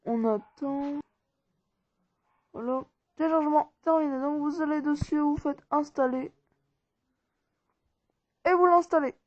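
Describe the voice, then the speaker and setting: A woman's voice: high voice, measured pace, long pauses, a little mellow. A woman talking viewers casually through an app tutorial step by step, informal and rambling. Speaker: tutorial maker. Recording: dull, dry lo-fi recording.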